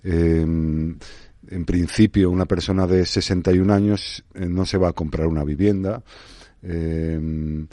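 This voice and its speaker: A man's voice: low-pitched, fairly even intonation, a little slow, dark tone, no room sound. A man in his sixties with a Spanish accent from Spain, a guest in a radio studio, thinking aloud in a reflective, hesitant way. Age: 60s. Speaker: guest, advertising expert. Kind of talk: radio interview.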